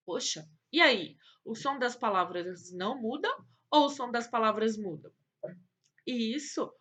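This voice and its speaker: A Brazilian woman teacher talks slowly and patiently to young children, coaxing answers and praising each one. Her bright, fairly high voice rises and falls in a lively, sing-song way. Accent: Brazilian Portuguese. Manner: slow, patient, coaxing, praises and uses diminutives. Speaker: primary school teacher. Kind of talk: recorded remote lesson for young children.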